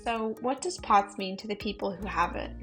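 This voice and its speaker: A woman narrating and asking interview questions in a clear, read-aloud way. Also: medium pitch, moderate pace, a bit bright. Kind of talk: scripted narration. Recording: music underneath.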